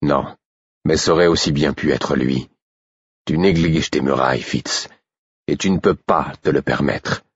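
Low, husky mentor scolding gently, as a male reader puts him on; dull recording. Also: measured pace, dry recording, exaggerated voice. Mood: reproachful. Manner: low, quiet reproach. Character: stern older male mentor, quietly amused. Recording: slightly muffled recording.

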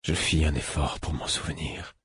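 Deep, husky male audiobook narrator. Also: steady tone, moderate pace, fairly bright tone, dry recording, studio quality. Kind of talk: first-person novel narration.

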